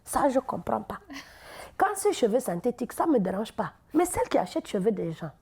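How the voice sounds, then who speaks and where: A woman's voice: on the high side, sing-song, brisk, darkish tone, husky, heavily acted. A woman voicing a blunt, opinionated young Cameroonian woman in a carpool.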